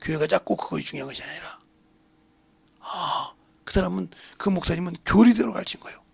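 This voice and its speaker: A man in his sixties, a pastor preaching a sermon, who swings between hushed asides and loud emphatic preaching. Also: a little high, brisk. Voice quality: gravelly, husky voice.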